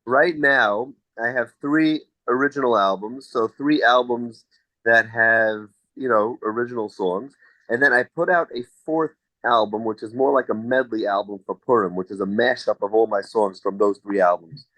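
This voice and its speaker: A man's voice: mid-range voice, moderate pace, sharp tone, dry recording, poor audio. Chatty American man, dry close sound. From United States. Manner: chatty, storytelling, with frequent restarts. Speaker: singer being interviewed. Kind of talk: casual interview answers.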